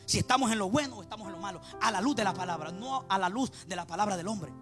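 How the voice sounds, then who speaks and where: A man's voice: high voice, quick pace, over music. A man preaching a fervent sermon, repeating his refrains and rising into a chanted, sing-song delivery. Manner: impassioned, repeats "mi amado hermano", chants some lines.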